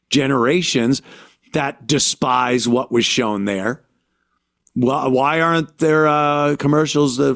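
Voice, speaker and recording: A man from the United States hosting a podcast, talking alone in an indignant rant full of halting restarts. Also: mid-range voice, no room sound, studio quality. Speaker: podcast host. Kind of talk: podcast monologue.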